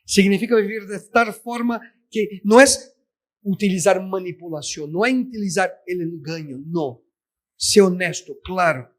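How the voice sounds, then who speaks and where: Male preacher, high voice, emphatic sermon delivery. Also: unhurried. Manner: emphatic, addresses listeners as "queridos". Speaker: pastor.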